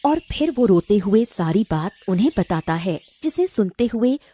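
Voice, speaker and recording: A woman narrating a children's cartoon story in an expressive, dramatic way. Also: medium pitch, moderate pace.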